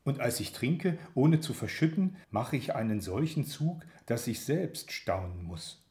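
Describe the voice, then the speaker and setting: A man narrating a first-person story in a measured, expressive reading. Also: medium pitch. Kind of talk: audiobook narration.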